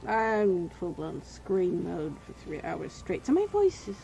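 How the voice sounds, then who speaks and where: A woman streaming gameplay, her voice hoarse and wearing out, rambling and venting between comments on the game. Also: on the low side, sing-song, takes it slowly, warm tone, a little hiss or hum, rough recording.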